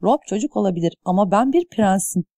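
A spoiled teenage prince who sounds bored and arrogant, sneering down at everyone around him, as a woman reads him. The voice is mellow and warm, and sits close and dry. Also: medium pitch, animated, quick pace, no room sound. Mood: haughty. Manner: haughty, sneering.

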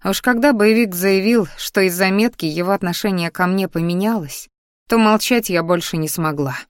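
A woman reading a romantic fantasy audiobook in the first person, at an even, measured pace. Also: medium pitch, no echo, clean studio sound. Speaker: audiobook narrator.

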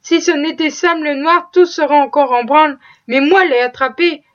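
A woman voicing a sly, boastful male stable hand who exclaims loudly and plays innocent, in a storybook reading. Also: high voice, a little slow. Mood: mock-innocent. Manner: exclaiming, mock-innocent, excitable. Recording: dull lo-fi recording.

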